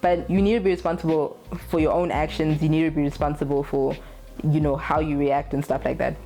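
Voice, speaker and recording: Young woman vlogger, low mellow voice, frank and swears a lot, faint music behind. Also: little pitch movement, fairly quick. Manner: candid, blunt, swears freely, laughs often. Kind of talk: casual talk to camera.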